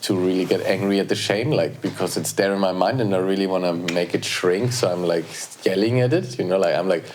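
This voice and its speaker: A man on a podcast, leading listeners through a guided reflection in a treatment room with earnest, encouraging words that swing from soft to fiery. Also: sits low, brisk, hardly any pauses, a little hiss or hum. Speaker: podcast co-host or guest.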